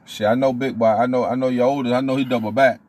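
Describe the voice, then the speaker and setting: A man's voice: mid-range voice, fairly even intonation, quick pace, a little mellow. A man chatting casually as a podcast co-host in a laid-back, slangy way. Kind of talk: casual chat.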